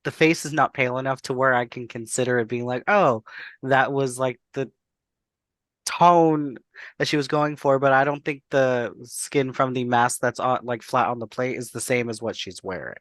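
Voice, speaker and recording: Man, mid-range pitch, dry recording, casual review co-host. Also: moderate pace, fairly bright tone, dry recording. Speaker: podcast co-host reviewing drag looks. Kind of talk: casual panel critique.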